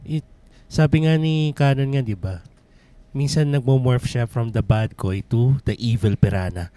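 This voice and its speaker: A man's voice: mid-range voice, normal speed, mellow, no room sound. A man with a Filipino accent co-commentating a pool match, chatty and laughing, mixing Tagalog and English. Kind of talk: relaxed billiards commentary.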